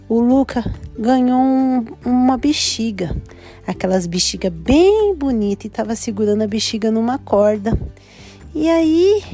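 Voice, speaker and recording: A woman narrating a children's story in an animated, drawn-out sing-song way. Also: a little high.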